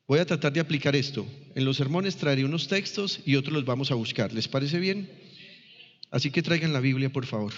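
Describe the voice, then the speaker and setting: Preaching man with a higher voice in a reverberant hall. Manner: teaching, addresses the congregation with questions. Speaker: pastor. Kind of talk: sermon. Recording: long reverb, dull lo-fi church recording.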